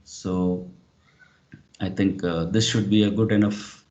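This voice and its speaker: A man's voice: low voice, fairly even intonation, takes it slowly, a little mellow. A man presenting an online webinar, speaking hesitantly with many fillers like "you know". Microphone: video call. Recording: dull lo-fi video call audio.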